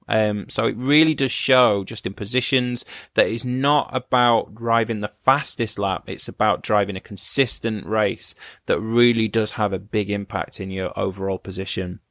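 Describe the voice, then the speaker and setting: A man's voice: fairly low pitch, a bit bright, no room sound, clean studio sound. Man explaining race data. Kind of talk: data segment commentary.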